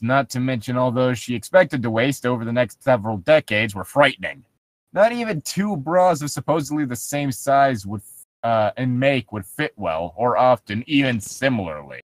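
A man casually bantering and reading a story aloud, sardonic and quick to swear. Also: medium pitch, no room sound.

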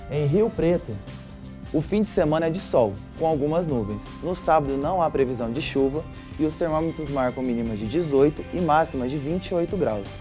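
A young man presenting a scripted weather forecast in a studio, reading steadily. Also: a little high. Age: young adult.

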